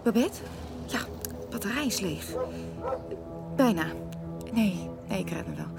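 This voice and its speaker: Lively woman in her thirties, film dialogue. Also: medium pitch, gravelly, over music. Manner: lively, quick to get indignant. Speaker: mother and voice actress.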